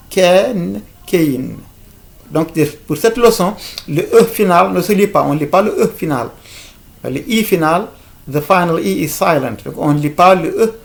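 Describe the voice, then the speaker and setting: A man's voice: sits high, creaky. A man teaching an informal video lesson, hesitant, with many fillers, restarts and repeated words. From Africa.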